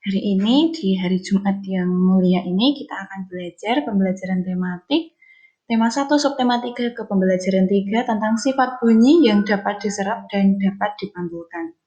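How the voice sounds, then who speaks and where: Brief: woman teacher, mid-pitched, patient, repeats points, quizzes kids. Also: warm tone, muffled recording. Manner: explains slowly, repeats key points, asks pupils questions. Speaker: elementary school teacher. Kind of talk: online science lesson for children.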